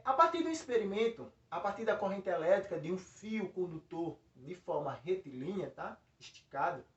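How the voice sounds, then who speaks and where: A Brazilian physics teacher gives a recorded lesson at a classroom board, explaining with frequent check-in tags and restarts. His voice sits high and is a little mellow. The mic is far off, leaving the sound dull and roomy.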